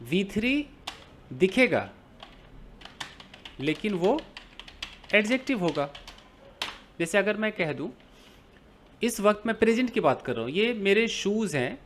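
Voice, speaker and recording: A man's voice: high voice, very animated, unhurried, pauses often, a bit bright, a little hiss or hum. A man teaching an English grammar lesson in Hindi, explaining with everyday examples and asking and answering his own questions.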